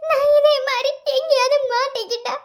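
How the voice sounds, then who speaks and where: In this cartoon love story, a frightened young woman expecting a baby pleads through tears, as a woman acts her out. Her voice sits extremely high and thin, almost childlike. She keeps sobbing as she begs. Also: measured pace. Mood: tearful pleading.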